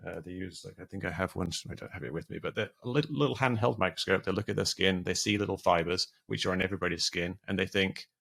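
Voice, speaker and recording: A man's voice: low-pitched, fast, vocal fry, hardly any pauses, fairly bright tone. A man being interviewed on a podcast, explaining things at length with frequent restarts and fillers. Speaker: guest, debunker of conspiracy theories.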